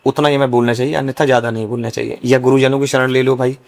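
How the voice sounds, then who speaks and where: A man's voice: mid-range voice, flat delivery, racing, gravelly. A young man, a priest by calling, explaining at length and earnestly in a casual podcast conversation. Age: young adult. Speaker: guest, young Brahmin priest.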